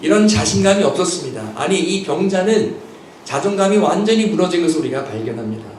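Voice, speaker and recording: High-pitched preacher in an echoey church. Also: male voice, lively intonation, fast, darkish tone, a little hiss or hum. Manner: earnest preaching, acting out quoted voices and questions. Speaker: pastor. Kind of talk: sermon. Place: church sanctuary. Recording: echoey church hall picked up from a distance.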